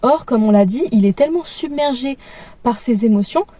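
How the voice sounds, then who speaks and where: A young mother talks through parenting advice in a calm, gentle voice, pausing often to find her words. Her voice is higher than most but mellow and soft. It sounds dry, with the mic set a little away from her. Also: no room sound, far from the mic. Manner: calm, gentle, many hesitations. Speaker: parenting vlogger. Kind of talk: casual advice talk.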